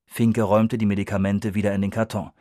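A man's voice: on the low side, level tone, fast, mellow, no room sound, clean studio sound. Man narrating an audiobook.

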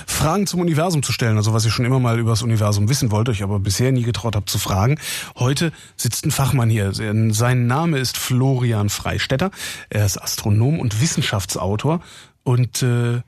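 A man's voice: medium pitch, animated, fairly quick, a little mellow, no echo, clean studio sound. A man with a Cologne accent hosting a late-night radio call-in show in an easygoing, chatty way, asking follow-up questions. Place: radio studio.

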